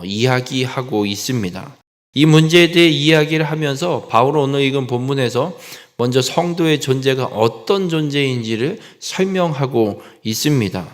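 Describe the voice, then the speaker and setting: Pastor preaching in a reverberant church. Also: male voice, mid-range voice. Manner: earnest preaching, reads scripture aloud, stresses key words. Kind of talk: expository sermon.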